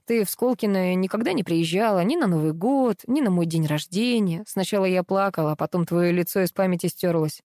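A woman voicing a calm, restrained adult son and husband in an audiobook reading. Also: on the low side, fairly quick, hardly any pauses, dry recording, studio quality, close to an everyday voice.

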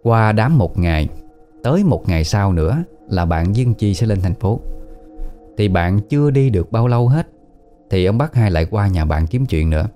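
A man's voice: lowish voice, lively intonation, normal speed, warm tone, faint music behind. A man with a Southern Vietnamese accent narrating a family ghost story in a plain, conversational way. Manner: plain conversational retelling with southern colloquial words.

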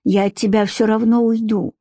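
A desperate young wife, fierce and defiant, her voice pitched up and loud, as a woman reader puts her on. She pleads and shouts, and the recording is dry and close. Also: flat delivery, normal speed, no echo, close to an everyday voice.

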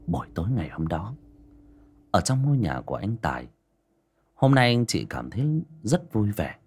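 Breathy man narrating a spooky tale. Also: fairly low pitch, sing-song, normal speed, a little mellow. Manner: dramatic, building suspense. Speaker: audiobook narrator. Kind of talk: storytelling narration.

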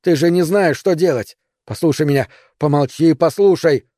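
A man's voice: fairly high pitch, moderate pace, dark tone, no echo, studio quality, lightly acted. A man voicing an urgent young man who gives orders. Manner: urgent, commanding. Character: urgent, bossy young man taking charge.

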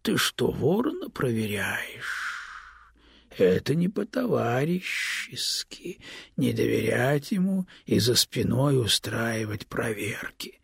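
A man reading an audiobook, voicing a sly, evasive male serpent who speaks in a low, measured and sometimes hushed way. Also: sing-song, vocal fry, slightly rough, no room sound, studio quality, full character voice. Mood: calm, sly. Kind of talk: audiobook character voice.

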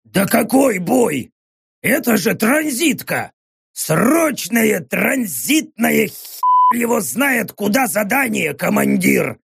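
A man's voice: sits high, sing-song, slow pace, creaky, fairly bright tone, slightly rough, voice pushed up, exaggerated voice. A man voicing a hulking, rowdy male orc soldier who bellows crude insults in an audiobook.

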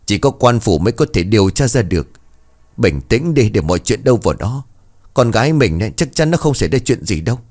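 A man playing a worried middle-aged father who calms his wife firmly, in a storybook reading. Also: mid-range voice, normal speed, lightly acted. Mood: soothing. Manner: calming yet firm.

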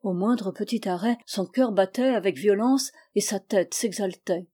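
Conteuse à la voix douce. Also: female voice, medium pitch, slightly rough. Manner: measured, expressive narration. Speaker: storyteller. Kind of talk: fairy tale reading.

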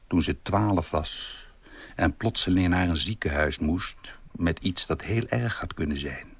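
A man reading a literary story aloud for radio in a calm, measured way. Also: low-pitched, vocal fry, slightly rough. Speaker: reader.

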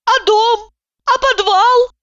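A woman voicing an excitable, indignant young woman who yells in outrage. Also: slow, no room sound, highs cut off, full character voice. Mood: wailing. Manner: shrill, yelling.

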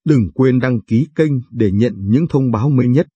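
A man narrating a late-night story reading in a slow, measured, confessional first-person manner, and hosting the reading channel. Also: mid-range voice, warm tone, breathy edge, no room sound, muffled recording. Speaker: story reader, channel host.

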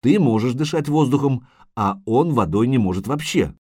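A man's voice: mid-range voice, lively intonation, moderate pace, warm tone, dry recording, studio quality, lightly acted. A man playing Geralt, a stern, weary witcher who talks in a terse, patient way.

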